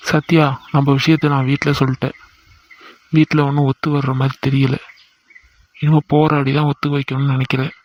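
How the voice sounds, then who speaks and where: A man voicing a resigned young village man in love in a cartoon, explaining his troubles flatly. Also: mid-range voice, moderate pace, long pauses, dull audio, natural voice.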